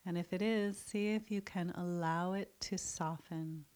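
Slow, soft-spoken woman guiding meditation. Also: fairly low pitch, fairly even intonation. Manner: soft, slow, soothing with long pauses. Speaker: meditation guide. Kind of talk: guided mindfulness meditation.

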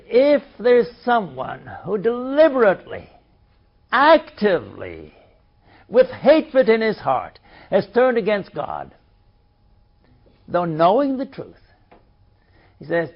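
A man delivers a sermon in a high, very lively voice, pressing hard on each key word. He moves slowly, stopping often between scripture readings. The recording sounds dull and lo-fi. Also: vocal fry. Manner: emphatic, reading scripture aloud with commentary. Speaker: preacher. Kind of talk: sermon, Bible teaching.

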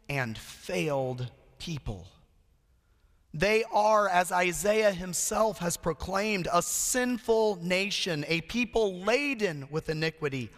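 A man preaching a solemn sermon with a hoarse, strained voice and deliberate, emphatic pauses. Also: high voice, a bit bright. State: hoarse, voice nearly lost. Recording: long echoing hall reverb.

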